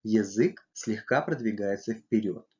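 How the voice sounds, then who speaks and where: Man, teacher, scripted lesson narration, unhurried, spells sounds out one by one, muffled lo-fi recording. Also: on the low side, a little mellow. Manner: slow, careful, spelling out letters and sounds one by one. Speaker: language teacher.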